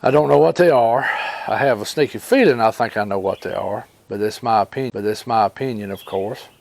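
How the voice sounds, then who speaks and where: Telling personal stories around the fire, a homesteading channel host from rural Alabama speaks with a Southern accent in a lowish, creaky, darkish voice. He rambles informally, pausing often and relating what people said.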